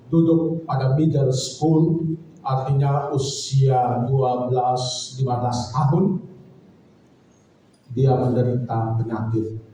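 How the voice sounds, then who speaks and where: A man's voice: fairly high pitch, warm tone, a little hiss or hum. A male pastor telling a personal story in a sermon, earnest and reflective. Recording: very echoey hall, voice from far off.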